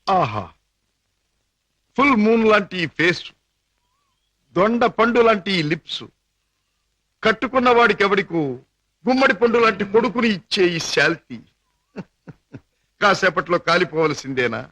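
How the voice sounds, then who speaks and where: A cocky, teasing car owner. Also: male voice, sits high, lively intonation, unhurried, long pauses, pushed and bright, no echo, heavily acted. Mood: flirtatious.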